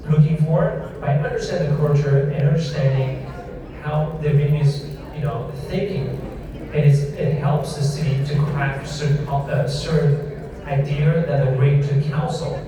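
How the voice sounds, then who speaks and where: A mayor speaks haltingly on a panel, restarting and repeating his words. His mid-pitched voice is distant, with a long echo, and a crowd murmurs behind him. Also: steady tone. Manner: halting, repeats words, non-native phrasing. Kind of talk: panel discussion remarks. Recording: long reverb, distant mic, crowd noise.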